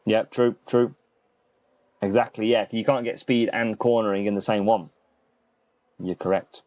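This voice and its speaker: A gaming-channel streamer commentates casually on his live stream, chatting with viewers and using their names. His voice sits on the low side, level and a little slow, with a darkish tone and no echo. Faint music is heard behind the muffled, lo-fi recording.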